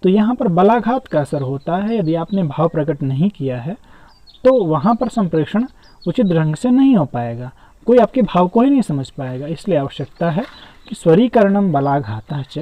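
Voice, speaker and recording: A man's voice: fairly high pitch, very animated, moderate pace. A man teaching an exam-prep lesson, reading each question aloud and then explaining it to viewers he calls friends. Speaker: teacher solving an exam paper. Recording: dull, dry, lo-fi recording.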